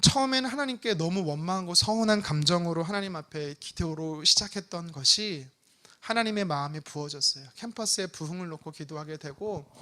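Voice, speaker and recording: Bright, lively Korean pastor preaching. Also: male voice, sits high. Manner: animated storytelling with prayer re-enactments. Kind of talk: sermon.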